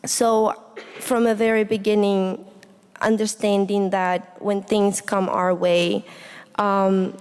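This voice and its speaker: Speaking slowly in a mid-range, level voice with a darkish, clear, resonant tone, a young Honduran student gives an earnest, reflective personal speech to an audience. The indoor hall is echoey, with a long reverb.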